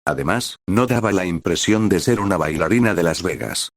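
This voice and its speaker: A man narrating a fan fiction story in a steady, expressive reading. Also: low-pitched, brisk, no echo, clean studio sound.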